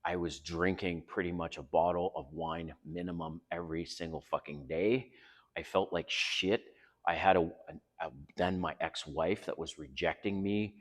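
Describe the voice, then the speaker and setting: Speaking at a moderate pace with fairly even intonation, this deep-voiced, middle-aged Canadian vlogger talks frankly and earnestly, cursing freely. He's by a residential pool outdoors, but the audio has a big-room sound.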